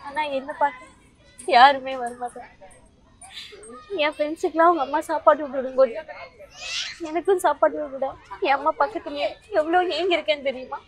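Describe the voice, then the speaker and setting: A woman's voice: high-pitched, normal speed, long pauses, close to an everyday voice, poor audio. A young woman acting as a college girl in a web series, speaking emotionally and tearfully, with music underneath. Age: young adult. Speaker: college student.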